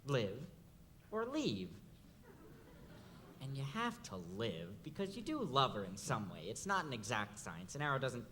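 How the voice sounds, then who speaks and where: A man's voice: mid-range voice, big pitch swings, unhurried, long pauses, sharp tone, slight background noise. A young man playing a rambling show-tune fan. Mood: wistful. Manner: confiding, chatty asides to the audience. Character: middle-aged male theatre fan, nostalgic, rambling. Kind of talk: stage musical acting. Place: school theatre stage.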